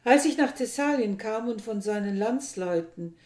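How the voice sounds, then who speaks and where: A woman reading the part of a grieving old father who loudly accuses a young man, in impassioned outbursts. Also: on the high side, expressive, normal speed, natural voice. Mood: pleading. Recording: echoey room.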